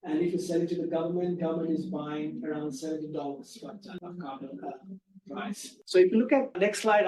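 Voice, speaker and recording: A soft-spoken man walks listeners through a slide presentation in an unhurried, explanatory way. His voice sits a little high for a man. He sounds distant from the mic in an echoey room. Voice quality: soft-spoken, low volume. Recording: echoey room, far from mic, faint hum.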